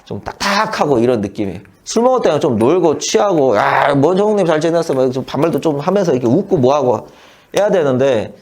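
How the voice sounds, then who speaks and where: A man's voice: on the high side, very animated, darkish tone. A middle-aged man teaching saju in a casual, blunt lecture, swearing and acting out short exchanges. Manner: blunt, slangy, swears, acts out quick quoted exchanges.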